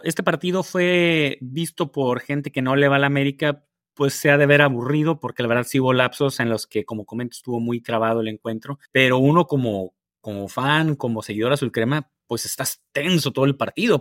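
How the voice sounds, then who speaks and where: A man's voice: mid-range voice, fairly bright tone, no echo. Male football podcast host, mid-range voice, conversational, tight dry recording. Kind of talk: casual football discussion.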